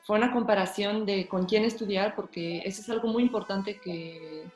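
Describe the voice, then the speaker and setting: A woman's voice: mid-range voice, moderate pace, a little mellow, faint music behind. A woman, a pianist guest, explaining her story thoughtfully and at length in casual conversation. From Mexico, born in Russia. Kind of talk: casual interview chat. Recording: roomy echo.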